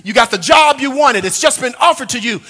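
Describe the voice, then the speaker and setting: A man in his sixties preaching a sermon as pastor in a church sanctuary, with humor, shouted emphasis and call-and-response. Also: very high-pitched, lively intonation, brisk, husky, faint music behind. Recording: long church reverb.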